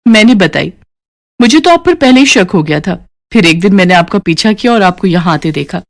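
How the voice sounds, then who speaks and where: A woman voicing a sharp, suspicious young sister-in-law in a cartoon story, speaking with accusing confidence. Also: mid-range voice, animated, fairly quick, natural voice.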